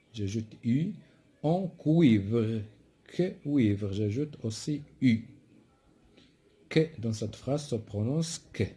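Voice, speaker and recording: A man gives a spelling lesson at a very slow, deliberate pace. His voice is husky and mellow, and he repeats each word and letter one at a time. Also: medium pitch. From Morocco. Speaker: primary school French teacher. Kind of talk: spelling lesson, reading words aloud.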